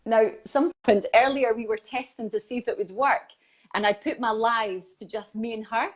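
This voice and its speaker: A woman's voice: on the high side, moderate pace. Laughing, chatty woman host. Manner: chatty, laughs often, enthusiastic. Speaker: interview host. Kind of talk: live online interview. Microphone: video call.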